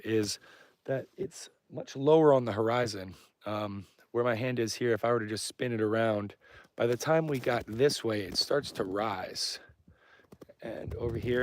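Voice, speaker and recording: A man speaking in a casual, rambling live vlog, informal and self-deprecating, drifting between thoughts as he goes. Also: fairly low pitch. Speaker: filmmaker live-streaming as a vlogger. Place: outdoors on snow and ice at an Antarctic camp. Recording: clear outdoor background noise.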